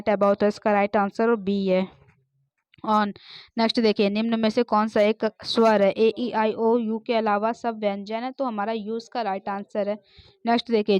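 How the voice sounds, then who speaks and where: A woman teacher going through multiple-choice exam questions, reading English sentences slowly and explaining answers. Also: mid-range voice, darkish tone, no echo. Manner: frequent "ok, next dekhiye" refrains. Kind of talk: exam-prep lesson, reading MCQ options and answers. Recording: dull, dry, lo-fi sound.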